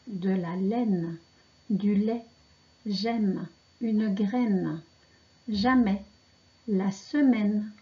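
A woman teaching children to read, pronouncing syllables and words slowly and carefully. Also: medium pitch, lo-fi sound. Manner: slow, carefully articulated dictation. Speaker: reading teacher. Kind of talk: slow reading lesson for children.

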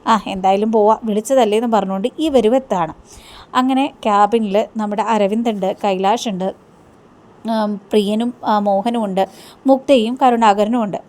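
A woman's voice: medium pitch, moderate pace, a little mellow. Chatty woman retelling drama episodes. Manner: chatty, with many hesitation fillers. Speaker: serial review host.

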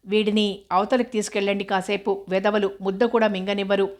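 A woman's voice: medium pitch, little pitch movement, fairly quick, natural voice. A woman reading as a scolding young wife. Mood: irritated. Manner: scolding, shouting. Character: harried young wife, sharp-tongued.

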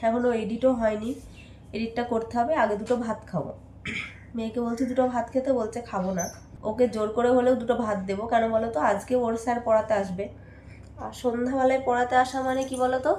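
A young woman with a Bengali accent chatting casually in a home vlog, worn out and coughing, her voice going hoarse. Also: a little high, darkish tone, echoey room, a little hiss or hum. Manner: chatty, rambling, tired. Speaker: vlogger. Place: at home, indoors.

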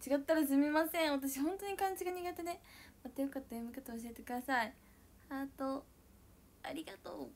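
A young woman with a high, bright voice and a chats casually with viewers on her livestream. She is bubbly and giggly, and she talks loudly. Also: fairly quick, slight background noise. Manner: giggly, bubbly, frequent laughter; self-describedly loud voice. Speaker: idol livestreamer. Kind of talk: casual chat reading viewer comments.

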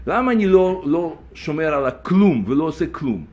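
A man voicing a scornful secular man who mocks and shouts in disbelief while telling a story in a lesson. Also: a little high, expressive, highs cut off. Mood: scoffing. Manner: mocking, shouting, exasperated. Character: scornful secular Israeli man, loud skeptic.

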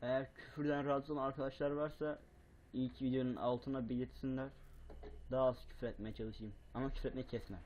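A young man commentating a horror game, swearing a lot, yelling at scares and muttering between them. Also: mid-range voice, steady tone, fast, highs cut off, slight background noise. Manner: swears a lot, panics and yells at scares, then mutters quietly. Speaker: gaming YouTuber.

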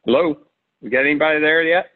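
Man, webinar host, casual answers, higher pitch, lo-fi audio. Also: fast talker. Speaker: webinar presenter. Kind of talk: casual question-and-answer chat.

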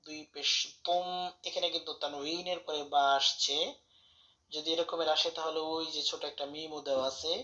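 A man teaches Quran recitation in a bright, fairly high voice. He spells out each letter and vowel mark, then draws the verse out slowly, contrasting right and wrong sounds. The recording is dull and lo-fi. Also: little pitch movement, reverberant. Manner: corrects wrong pronunciations by contrast. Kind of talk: tajweed lesson, spelling and reciting.

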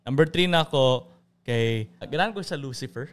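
A man's voice: mid-range voice, normal speed. A young man hosting a casual podcast chat, talkative and laughing often, mixing English into his speech. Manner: chatty, laughs often, mixes English into Cebuano. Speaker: podcast host.

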